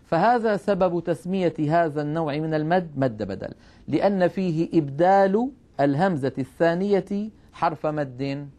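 A man teaching Quran recitation rules in a televised lesson, speaking in a measured way and drawing out example sounds. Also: on the high side, animated, warm tone.

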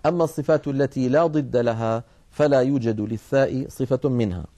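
A man's voice: medium pitch, fairly quick, mellow. A man teaching Quran recitation in a methodical recorded lesson, sounding out letters aloud to demonstrate them.

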